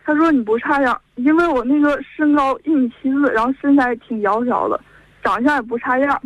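A woman's voice: high voice, a little fast, no room sound. A young woman in her twenties with a Northeastern Mandarin accent, calling in and telling her story in a rambling way, stringing events together with "and then". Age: 20s. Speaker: caller. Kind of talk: call-in chat. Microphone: telephone. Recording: dull lo-fi phone line.

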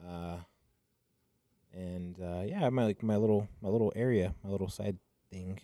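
A young man from Phoenix talks in a loose, rambling way, full of fillers and easy laughter. He sounds a little tipsy and loopy. His voice is lowish and mellow, recorded dry and close. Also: moderate pace, dry recording. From Phoenix, Arizona. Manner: laid-back and rambling, many fillers and laughs. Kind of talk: casual chat.

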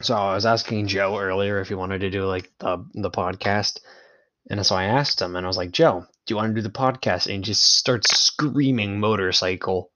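A man's voice: on the low side, normal speed, sharp tone, slight background noise. A young man chatting casually with his friends in joking gamer-bro banter full of slang. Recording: dull lo-fi mic sound.

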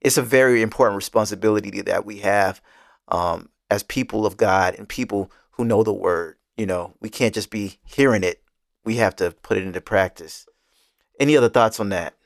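A man leading a casual Bible study discussion, earnest and quick to laugh. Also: lowish voice, creaky, dry recording, studio quality.

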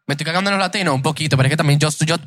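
A man's voice: a little high, very fast, a bit bright. A young man, co-hosting a podcast in crude, joking banter and acting out the voices of people he describes. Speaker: podcast co-host.

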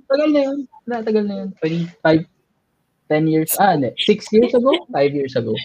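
A man's voice: high voice, big pitch swings, moderate pace, darkish tone, breathy edge. A man co-hosting a podcast, talking candidly and hesitantly, often trailing off with fillers. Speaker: podcast co-host. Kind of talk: casual candid chat. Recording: dull lo-fi sound.

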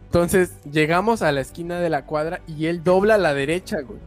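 A young man with a Mexican accent, a streamer casually telling a story in slangy, animated speech, dropping "güey" all the time. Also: a little high, fairly quick, soft background music. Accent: Mexican Spanish.

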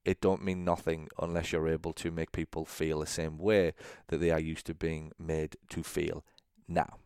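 A man's voice: a bass voice, level tone, normal speed, darkish tone, clear, resonant tone, dry recording, clean studio sound. A young adult man hosting a solo podcast, talking conversationally and checking in with "okay?" between points. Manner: conversational, checks in with "okay?", frequent fillers and restarts. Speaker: podcast host.

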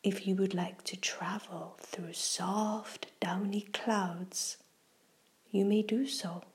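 A woman hosting a children's relaxation show, gently reading a guided meditation in a soft, breathy half-whisper with slow, soothing phrasing. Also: mid-range voice, fairly even intonation.

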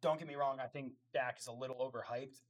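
A man's voice: medium pitch, steady tone, quick pace. Opinionated man talking football. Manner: opinionated, runs through lists of players. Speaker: podcast co-host. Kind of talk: casual sports chat.

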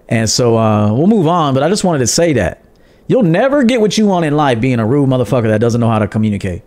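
A man's voice: mid-range voice, darkish tone. Blunt, profane male dating coach. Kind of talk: livestream monologue.

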